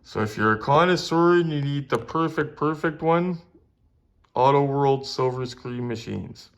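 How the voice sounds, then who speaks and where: Hosting a laid-back collectibles review, this Canadian man speaks to his audience with clear excitement, often repeating phrases to drive points home. His medium-pitched voice is animated and a little slow.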